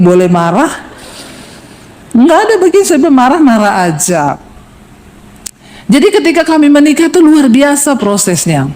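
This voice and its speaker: A middle-aged woman pastor from Sulawesi preaches with playful, teasing humor. Her voice jumps to high, bright exclamations, then drops to low, wry asides. She keeps a lively, joking tone throughout the sermon.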